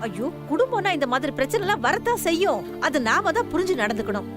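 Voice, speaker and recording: A woman's voice: high-pitched, sing-song, fast. An anxious, pleading mother. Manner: pleading, placating. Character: anxious peace-keeping mother. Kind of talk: TV serial acting. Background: music.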